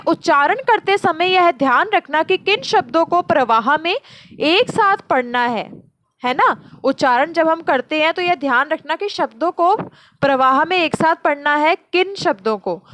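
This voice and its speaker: A woman teacher explains exam questions, repeating and asking and answering her own questions, and slows down sharply to give each answer. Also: sits high, a bit bright. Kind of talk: exam-prep lecture.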